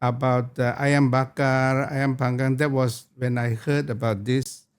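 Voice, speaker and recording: A man in his seventies, from Malaysia, speaking as a guest in an interview with measured, simple phrasing. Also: mid-range voice, little pitch movement, clear, resonant tone. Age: 70s. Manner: measured, simple phrasing with short repeated clauses. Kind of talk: unhurried conversational interview.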